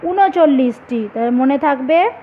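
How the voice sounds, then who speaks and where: A woman's voice: sits high, animated, a little slow. A woman teaches young children, patiently walking them through examples and asking them questions. The sound is thin and phone-like, with a faint hiss underneath. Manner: patient, explaining step by step with repeated examples and questions to students. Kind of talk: online Bengali grammar lesson for young children.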